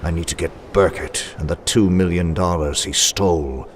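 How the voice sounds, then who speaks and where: An actor playing a menacing, commanding invisible avenger in a 1940s-style radio drama, theatrical and ominous. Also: male voice, low-pitched, steady tone, moderate pace, slight background noise, lightly acted.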